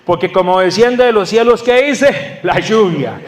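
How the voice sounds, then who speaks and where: A man's voice: high voice, lively intonation, measured pace. A man preaching a sermon to his congregation, asking them questions and answering them himself. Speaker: pastor.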